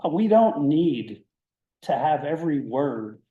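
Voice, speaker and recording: A man's voice: a little high, sing-song, unhurried, phone-quality sound. Plainspoken man in an echoey meeting room. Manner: plainspoken, old-school, blunt. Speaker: board member. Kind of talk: town meeting discussion.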